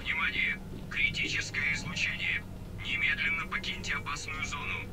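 A man's voice: on the high side, monotone, moderate pace, heavy background noise, natural voice. A man voicing a stern automated warning system in a video game, making clipped, urgent, impersonal announcements. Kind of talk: repeated alarm announcement. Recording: buried under loud game music.

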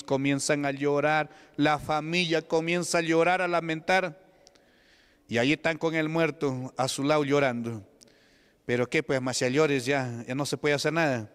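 Peruvian man preaching, emphatic sermon, fairly high, smooth resonant voice, long church reverb. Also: a bit bright. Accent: Peruvian Spanish. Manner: emphatic, calls out to the congregation. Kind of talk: evangelical sermon. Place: church hall.

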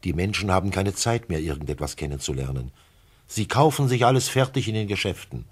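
A man voicing a wise, gentle male fox with a husky voice, speaking in a lively, heartfelt way in a classic radio play. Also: sits low, fairly quick. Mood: pleading, tender. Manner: lively, pleading, heartfelt delivery.

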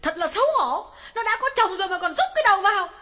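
Woman playing a shrill jealous young mistress. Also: expressive, very fast, heavily acted. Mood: furious. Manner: shrill shouting, sobbing accusations. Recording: long hall reverb with faint music.

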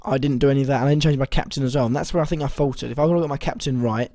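Mellow, slightly hoarse young man. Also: mid-range voice, fairly even intonation, very fast, no echo. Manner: rambling, hesitant, full of ums and self-corrections. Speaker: fantasy football vlogger. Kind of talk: casual video commentary.

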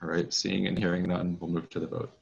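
Low, gravelly man chairing a board meeting. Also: level tone. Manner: procedural, measured, with frequent fillers. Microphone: video call. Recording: muffled video call audio.

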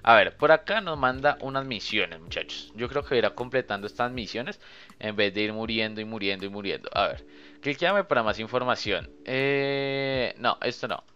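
A young man, giving casual, chatty commentary while playing a game and thinking out loud to his viewers. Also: medium pitch, moderate pace, highs cut off. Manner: chatty, thinks aloud, often addresses viewers as "muchachos". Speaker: gaming youtuber.

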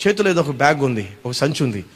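A male pastor preaching a sermon, animated and firing questions at his congregation. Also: medium pitch, fast talker, husky.

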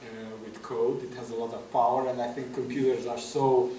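Middle-aged guy from romania, halting speech with lots of ums, echoey room, faint hum behind. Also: medium pitch, little pitch movement. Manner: soft-spoken, hesitant, many fillers. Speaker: guest artist. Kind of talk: interview at a festival talk. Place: room with a table, audience. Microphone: table mic on stand. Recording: echoey room, far from mic.

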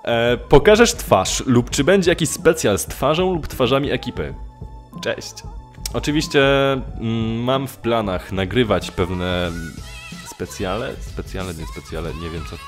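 Speaking at a measured pace in a medium-pitched voice, this young YouTuber and amateur dubbing voice actor chats through viewer questions, often hesitating, correcting himself and swearing now and then. He's indoors in a small home room, right up on a desktop condenser mic with a pop filter, music playing behind him.

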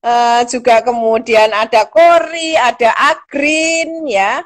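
A woman's voice: fairly high pitch, steady tone, slow pace. A middle-aged woman, a lecturer hosting a casual live-stream chat, encouraging and chatty, with frequent fillers and small laughs.

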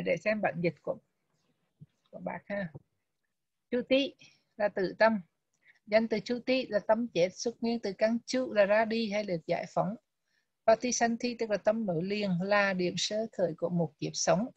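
Woman, Buddhist text lesson, slow deliberate pronunciation drills, muffled lo-fi sound, dry close recording. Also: medium pitch, husky, dry recording. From Vietnam. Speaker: Abhidhamma teacher.

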